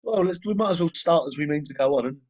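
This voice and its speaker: A young man co-hosting a casual film review podcast, easygoing and halting, with frequent restarts. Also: a little high, a little mellow. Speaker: podcast co-host.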